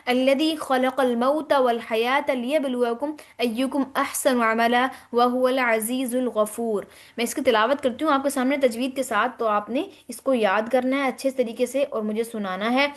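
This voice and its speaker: A woman leads an online Quran lesson in a high voice. She explains pronunciation rules step by step, demonstrating each sound slowly for her students. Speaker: Quran teacher.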